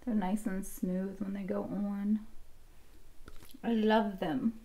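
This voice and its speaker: A woman's voice: medium pitch, little pitch movement, slow, dark tone. Chatty woman in her thirties, thinking aloud. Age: 30s. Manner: rambling, thinking aloud, filler-heavy. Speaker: beauty vlogger. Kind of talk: casual makeup tutorial chat.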